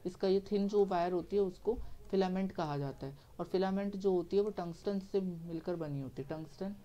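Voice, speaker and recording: A male teacher lectures in a mellow, warm voice. He works through each step methodically, asks questions and answers them himself, and keeps checking that the class is following. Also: sits high, fairly quick, dull audio. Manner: repeats "theek hai" to check understanding. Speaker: science teacher.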